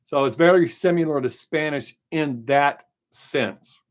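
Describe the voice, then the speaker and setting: Somewhat high-voiced and a little slow, a middle-aged Southern American man runs a casual live stream. He rambles chattily through viewer questions, talking frankly and swearing some.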